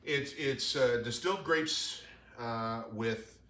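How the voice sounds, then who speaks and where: A man's voice: medium pitch, slow, pushed and bright, echoey room. A man hosting a casual bar show, joking and upbeat as he chats with a guest. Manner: jokey, upbeat, loose. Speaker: host. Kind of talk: casual chat.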